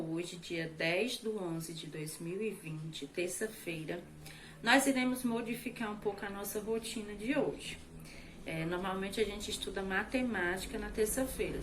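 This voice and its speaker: A woman's voice: mid-range voice, a bit bright, a little hiss or hum. A woman with a Brazilian Portuguese accent, a primary school teacher walking pupils through a textbook in a recorded lesson, affectionate and checking in often. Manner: affectionate, repeats checks like "tá bom?". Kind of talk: recorded remote lesson walkthrough.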